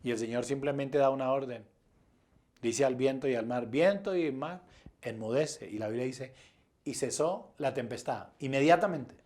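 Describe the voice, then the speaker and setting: A man's voice: medium pitch, normal speed, a little mellow. A man preaching a sermon as pastor, asking the congregation rhetorical questions.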